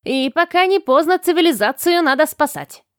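A woman's voice: high-pitched, animated, normal speed, dry recording, studio quality, voice pushed up. A woman voicing a cocky male goblin trickster who talks in a mocking, boastful way.

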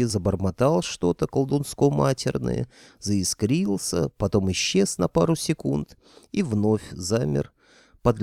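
A male audiobook narrator with a dark, mellow voice and a gravelly edge, telling the story in a steady, even way. The recording is close and dry, with no room sound. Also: mid-range voice, no echo. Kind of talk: first-person audiobook narration.

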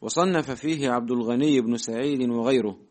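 A man's voice: mid-range voice, brisk, darkish tone. A man, a student in a class, reading a classical Arabic text aloud to his teacher and answering briefly. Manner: reads steadily, answers briefly.

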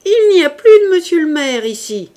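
A woman's voice: a little high, animated, normal speed. A woman reading an audiobook, voicing a harsh, contemptuous male police inspector who barks and scorns. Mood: scornful, shouting. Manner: barking, scornful, shouting.

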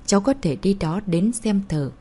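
A woman voicing a reassuring middle-aged uncle in an audiobook, speaking in a hurried way. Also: sits high, animated, mellow, breathy edge.

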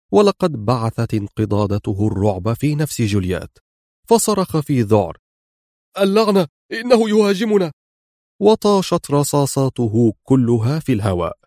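A man narrating a thriller audiobook in a dramatic, lively storytelling manner. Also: medium pitch, no room sound, studio quality.

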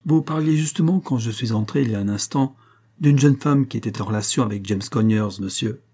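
A man's voice: mid-range voice, a little fast, mellow, close to an everyday voice. A man voicing a sly, servile village simpleton who murmurs insinuating questions.

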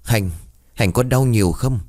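A man's voice: medium pitch, measured pace, warm tone, pitched above the performer's own voice, natural voice. A man voicing a hot-blooded, protective young village man in a storybook tale. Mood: worried.

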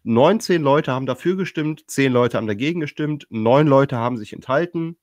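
A man's voice: medium pitch, animated, brisk, no echo. Dry-voiced man reading out news. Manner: reads out news items and comments with many hesitations. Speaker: podcast host. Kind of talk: casual panel discussion.

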